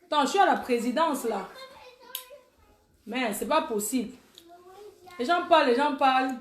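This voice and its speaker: A woman's voice: sits high, expressive, normal speed. A woman on a live stream talking emphatically and indignantly, repeating herself over and over. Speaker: livestreamer. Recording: echoey room.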